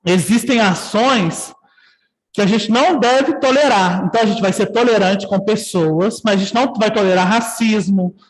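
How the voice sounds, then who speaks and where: A man's voice: high voice, moderate pace, in a large hall, rough recording. A man with a Brazilian Portuguese accent teaching a nursing ethics class online, talking conversationally and often checking in with his students.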